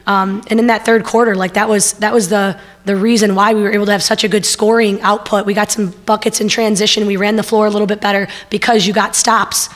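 A woman's voice: medium pitch, fast talker, hardly any pauses. A middle-aged woman head coach speaking earnestly at a postgame press conference from a table mic. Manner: steady, earnest, many fillers. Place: press room. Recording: long reverb in press room.

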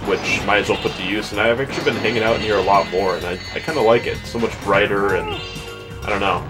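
Young male let's player, low voice, casual rambling commentary recorded in a bedroom over game music. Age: young adult. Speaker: let's play host. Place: small bedroom at home. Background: video game music.

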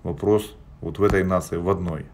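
This is a casual live-stream chat where a man in his forties bluntly fields viewer questions from a small indoor room, with plenty of hesitation sounds. His low, darkish voice moves a little fast with fairly even intonation, and the phone, held at arm's length, catches slight background noise.

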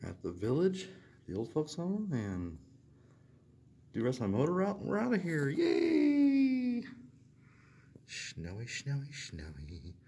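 A man in his forties, a mail carrier, chatting casually on his route and swinging between loud whoops and low mutters. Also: very animated, normal speed, long pauses. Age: 40s. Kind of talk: casual vlog chat while working. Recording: loud vehicle noise behind.

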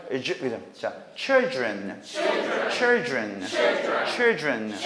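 A man teaching English pronunciation to a live class, drilling phrases for students to repeat and laughing often. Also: medium pitch. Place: lecture room with an audience. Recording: echoey room recording, audience noise.

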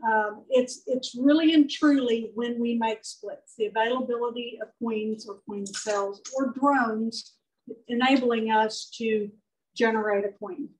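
Middle-aged Texan woman, conversational co-presenter, slightly high voice, distant room sound. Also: steady tone. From southeast Texas. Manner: conversational, quick agreeing interjections. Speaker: beekeeping presenter. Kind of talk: club presentation talk. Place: large meeting hall with projector.

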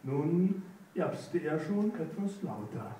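Slow playful male storybook reader. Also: a little high, sing-song, mellow, a little hiss or hum. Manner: unhurried, playful. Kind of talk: unrehearsed reading of a children's story. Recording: echoey room, mic far off.

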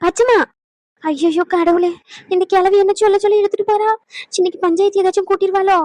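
A fretful young cartoon woman, voiced by a woman who mutters her worries in a very high, rapid voice. The sound is dry and close. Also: fairly even intonation, dark tone, no echo. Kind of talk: cartoon voice acting.

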